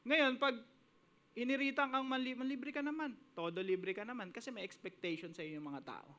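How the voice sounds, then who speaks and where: A male pastor preaching a sermon, mixing in English phrases and reading scripture slowly with emphasis. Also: sits high, lively intonation, bright, forceful tone. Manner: switches between Tagalog and English, quoting scripture with emphasis.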